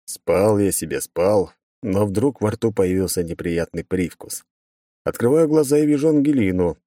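A man reading a first-person audiobook in a brisk, wry storytelling manner on a close mic. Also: fairly low pitch, dark tone, no echo. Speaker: audiobook narrator.

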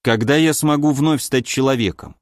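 A man's voice: medium pitch, moderate pace, no echo, clean studio sound, natural voice. A man voicing a nervous, mumbling spy. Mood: anxious. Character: frightened nervous male spy turned monster.

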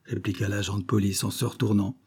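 Lecteur homme de livre audio, narration posée, timbre chaud et voilé. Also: male voice, on the low side, level tone, quick pace, a little mellow, slightly rough. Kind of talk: scripted literary narration.

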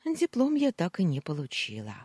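A woman voicing a caring young female housemaid friend who speaks in a gentle, probing, calmly teasing way. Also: lowish voice, normal speed, breathy edge, no room sound, clean studio sound, voice pushed up, full character voice.

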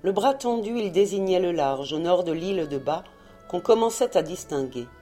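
A woman narrating a novel in a measured, expressive reading voice. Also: on the low side, faint music behind. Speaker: audiobook reader. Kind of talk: scripted narration.

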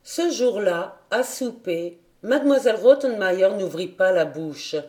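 A woman's voice: medium pitch, expressive, measured pace, darkish tone. Woman narrating a classic audiobook. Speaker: audiobook reader. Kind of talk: scripted narration.

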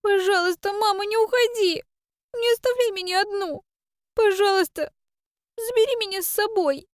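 A terrified little girl cries and stammers in a thin, very high voice, catching her breath between pleading words. The sound is dry and close, with no room around it. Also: moderate pace, no room sound. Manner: stammering through tears, pleading. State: crying. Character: frightened little girl, sobbing and clinging.

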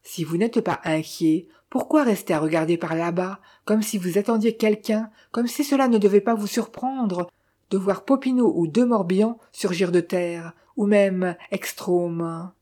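A woman's voice: medium pitch, unhurried, mellow, close to an everyday voice. A woman reading as a teasing, cheerful young woman in an audiobook. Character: confident young woman aviator passenger, teasing.

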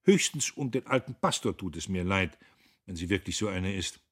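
A man voicing a pompous, bullying young factory heir who barks his orders in a husky voice. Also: low-pitched, animated, moderate pace, a bit bright, exaggerated voice. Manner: barking, self-important.

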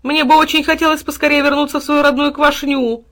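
A woman's voice: high voice, fairly even intonation, fairly quick, fairly bright tone, pitched above the performer's own voice. Woman doing a sobbing loaf of bread. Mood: wailing. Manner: wailing, sobbing. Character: weeping loaf of bread, cowardly.

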